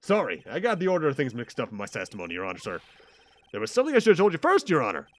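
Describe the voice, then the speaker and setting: Brief: a man putting on a bumbling Southern cop for a game read-along, folksy and loud, swinging pitch. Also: huge pitch swings, rapid-fire. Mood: blustering. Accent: put-on Southern US. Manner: folksy, keeps calling people pal. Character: blustering scruffy male police detective.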